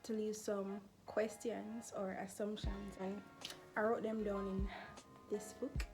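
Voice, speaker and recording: A nineteen-year-old Jamaican woman vlogger chats casually in a Q&A, laughing often and filling with "you know" and "like". Her mid-range voice is level and slow, heard over music in a rough recording.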